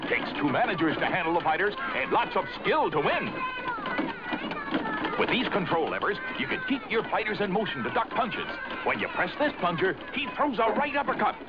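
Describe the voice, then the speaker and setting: A man's voice: high-pitched, very animated, normal speed. A man announcing an upbeat, salesy 1970s toy commercial, heard as a lo-fi sound taped off an old broadcast. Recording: dull lo-fi archive broadcast with music.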